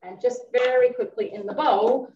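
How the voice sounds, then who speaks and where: A woman's voice: a little high, moderate pace. A woman chatting as she runs a live cooking demonstration in a kitchen, talking while she works. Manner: chatty, talks while working. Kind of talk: live cooking demo chat. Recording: roomy, dull sound from a distance.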